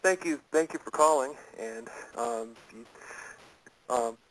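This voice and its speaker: A man hosting a casual radio interview, talking in halting, stammering restarts. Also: medium pitch, fairly bright tone, rough recording. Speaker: radio show host.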